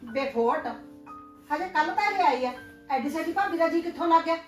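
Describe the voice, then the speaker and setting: A sharp-tongued village mother-in-law, played by a woman, bossy and loud as she scolds. Her voice sits high and rings in a roomy space. Music plays behind her. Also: animated, a little fast. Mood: scolding. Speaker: mother in a short film. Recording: roomy film audio with music.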